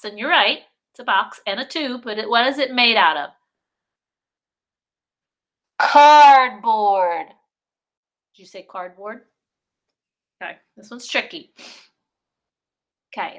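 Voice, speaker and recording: A woman preschool teacher leading a virtual circle time for young children, talking slowly and drawing out words in a sing-song way. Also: medium pitch, bright, forceful tone.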